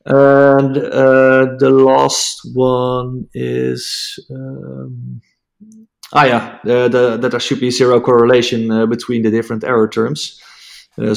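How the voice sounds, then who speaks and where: A native Dutch speaker from the Netherlands, this man talks with a Dutch accent as an interview guest explaining a technical subject. His medium-pitched, creaky voice stays monotone, and he halts often with fillers and restarts.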